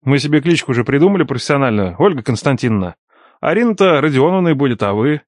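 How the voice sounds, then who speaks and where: A man's voice: medium pitch, lively intonation, fast, dry recording, studio quality, natural voice. A man voicing a cocky young former student who teases his teachers with sarcastic banter, in an audiobook. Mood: mocking. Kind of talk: audiobook character dialogue.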